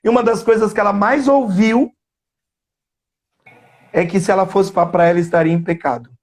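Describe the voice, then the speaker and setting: Brazilian guy, psychoanalyst, pretty high voice, earnest, drags out the words that matter. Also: steady tone. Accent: Brazilian Portuguese. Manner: earnest, slows down to stress key words. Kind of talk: storytelling in a live interview. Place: remote live stream.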